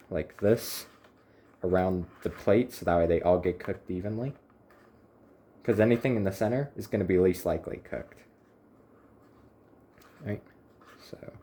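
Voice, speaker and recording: A man's voice: sits low, vocal fry, mellow, slight background noise. A man chatting casually to the camera while cooking in his home kitchen, rambling with wry little asides. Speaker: home cook, channel host.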